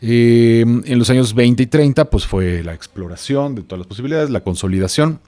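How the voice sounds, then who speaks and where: This podcast guest, a radio history expert in his forties with a Mexican accent, explains things casually, hesitating and wandering off into asides. His voice is medium-pitched and mellow, at a moderate pace.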